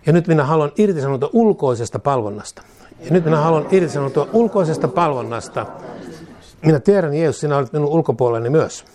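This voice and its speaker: A man's voice: fairly high pitch, expressive, a crowd in the background. A man preaching as a pastor and leading a declaration prayer, reading each line in short phrases for the congregation to repeat. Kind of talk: sermon, leading a call-and-response declaration. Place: church service with a congregation. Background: congregation repeating lines aloud.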